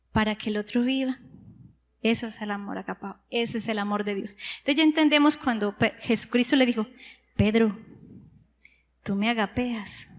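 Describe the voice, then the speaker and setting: A woman delivers a teaching sermon, walking through each word and checking in with rhetorical questions. Her voice sits high. The sound carries a long reverb from a church hall. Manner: teaching, explains words step by step with rhetorical questions. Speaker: preacher.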